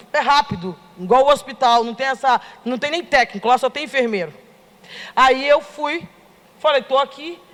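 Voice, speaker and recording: A middle-aged Brazilian woman giving a lively testimony to a congregation, acting out the dialogue as she tells the story. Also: high voice. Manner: animated storytelling, acts out dialogue. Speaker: church member giving testimony. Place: church hall. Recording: long reverb of a church hall.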